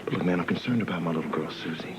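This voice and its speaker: A man's voice: sits low, rapid-fire, close to an everyday voice. An actor playing a worried father and persistent gambler, earnest, in a television soap opera. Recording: noisy old TV soundtrack.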